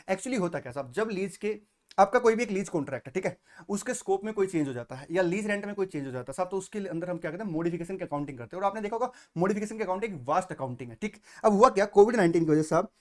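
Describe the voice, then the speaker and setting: A man from India giving a fast accounting exam lecture, mixing Hindi and English with an Indian English accent and often checking in with listeners. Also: high voice. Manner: rapid Hindi-English mix, habitually says "saahab", checks in with "theek". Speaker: CA exam tutor.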